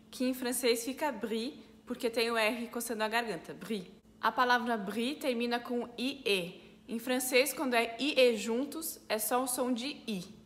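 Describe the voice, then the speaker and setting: A woman with a Brazilian Portuguese accent, a French teacher, explaining pronunciation clearly step by step. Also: a little high, a bit bright, big-room sound. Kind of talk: pronunciation lesson.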